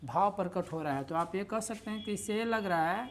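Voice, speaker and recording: A woman's voice: medium pitch, lively intonation, fairly quick, a little hiss or hum. A woman teaching a grammar lesson, explaining step by step, stressing single words in her examples and correcting herself in passing. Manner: self-correcting, conversational asides.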